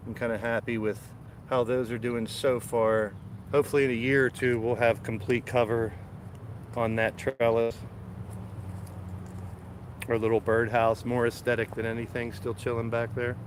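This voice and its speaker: Walking around his backyard garden with his phone camera, a man hosts a casual live stream while stuffed up with a cold. His voice is medium-pitched and level, at normal speed with long pauses, and there is background noise. He's laid-back and rambling, chatting to his viewers as he goes.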